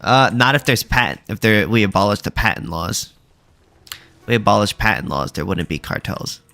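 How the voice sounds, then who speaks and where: Low-voiced man streaming in a roomy space. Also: lively intonation, moderate pace, sharp tone. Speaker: livestream debate host. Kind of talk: casual chat while gaming. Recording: roomy sound with music. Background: faint music.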